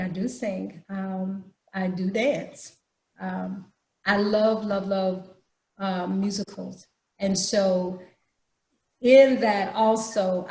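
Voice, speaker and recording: A woman theater teacher talks through a video call in an animated, hands-on way. Her mid-range voice carries a roomy echo. She sounds like she is coaching students live. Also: mid-range voice. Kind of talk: online badge workshop talk. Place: home room.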